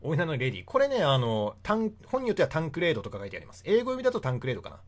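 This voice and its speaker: Lively, chatty man explaining history. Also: a little high, rapid-fire. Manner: chatty, laughs often between points. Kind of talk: casual history lecture.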